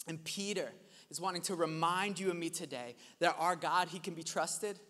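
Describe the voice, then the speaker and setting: A young man delivers a sermon in a relaxed, storytelling manner. His voice sits high and sounds bright and forceful. The long reverb of a church hall trails after each phrase. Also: normal speed. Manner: conversational, animated storytelling preacher. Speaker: pastor. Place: church hall with live audience.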